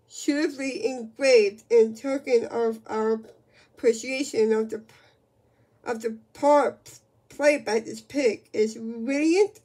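A woman's voice: a little high, mellow. A woman reading the lines of a formal male announcer at a county fair, speaking ceremoniously in a storybook reading.

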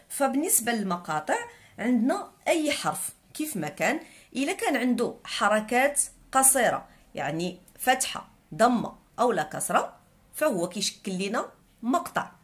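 Moroccan woman teaching with a lively voice. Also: a little high. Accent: Moroccan Arabic. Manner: patient, spells out sounds slowly and repeats words. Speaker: Arabic teacher. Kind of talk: explaining a lesson.

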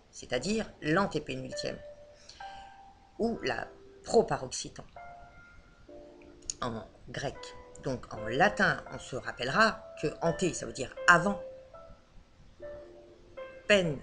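A woman's voice: low voice, very animated, slow, pauses often, pushed and bright, soft background music. A woman teaching a lesson on Old French, explaining patiently with frequent hesitations.

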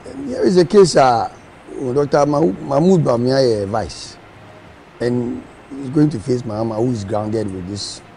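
A man's voice: mid-range voice, expressive, moderate pace, vocal fry, warm tone, a little hiss or hum. A man speaking casually about politics, hesitant and often repeating his words.

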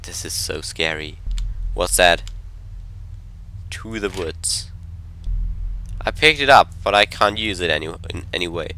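A man's voice: sits low, lively intonation, a little slow, gravelly, long pauses, sharp tone. Jumpy man narrating a horror game. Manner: jumpy, talks to himself, drops to whispers when scared. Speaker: gameplay commentator. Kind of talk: horror game let's play commentary.

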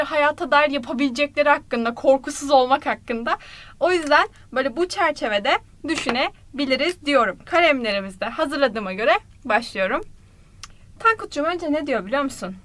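Woman, high-pitched, lively language teacher walking viewers through lyrics piece by piece. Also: dry recording. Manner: lively and explanatory, addressing viewers directly; breaks Korean phrases into parts, repeating them slowly. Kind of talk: explaining song lyrics in an online lesson.

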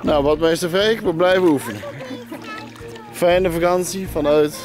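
A man's voice: a little high, steady tone, unhurried. A man in his thirties filming a casual family vlog at a campsite, bantering in a joking mock-announcer way. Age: 30s. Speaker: vlogging father. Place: outdoors at a campsite. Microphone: handheld camera behind the lens. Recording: background music under voice.

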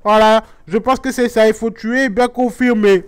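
A man plays a chatty, naive middle-aged Guadeloupean mother for comic gameplay commentary, using a high, smooth voice with a Guadeloupean French accent. The pitch stays fairly even at normal speed, close to an everyday voice, as she rambles through earnest, mock-naive explanations of games she doesn't understand.

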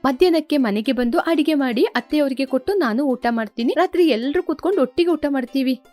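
A woman voicing a meek, humble young village woman who speaks gently and earnestly in a storybook tale. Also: sits high, expressive, a little fast, soft background music. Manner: gentle, pleading. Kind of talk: storybook character voice.

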